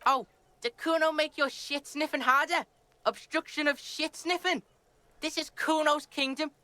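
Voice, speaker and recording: A woman's voice: high-pitched, steady tone, moderate pace, bright, forceful tone, dry recording. A woman voicing a swearing, hostile twelve-year-old boy who speaks of himself in the third person, in a video game. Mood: belligerent.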